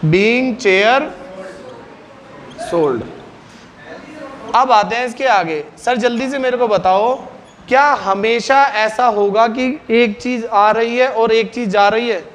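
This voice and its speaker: A man with a very high voice teaches a class, firing quick questions at his students and having them answer aloud.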